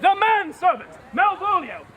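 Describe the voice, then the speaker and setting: Street performer, high lively voice, playful and giggly, outdoor crowd behind. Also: male voice, measured pace. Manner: playful, giggly, feeds lines for volunteers to repeat. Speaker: street performer narrating a play. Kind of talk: comic improvised storytelling to a crowd. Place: outdoor fair stage.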